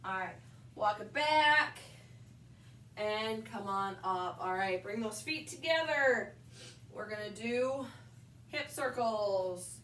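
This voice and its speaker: In a large indoor wellness room with a wood floor, a young woman leads a balance class, showing each move as she calls it out. Her medium-pitched voice is expressive, fairly bright and slightly nasal from allergies, with upbeat cues and brief pauses between moves. Captured by a distant tripod camera, it sounds roomy and far away, with slight background noise.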